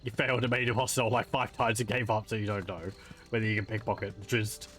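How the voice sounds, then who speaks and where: A man's voice: lowish voice, flat delivery, quick pace, a bit bright, soft background music. A man casually commenting on a game he is playing, offhand and musing. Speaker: let's-play commentator.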